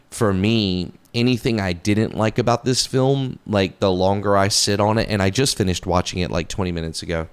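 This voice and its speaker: Man, deep smooth voice, rambling casual review, lots of fillers. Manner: rambling, many fillers and restarts; enthusiastic, casually profane. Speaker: movie reviewer. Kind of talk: casual spoken movie review.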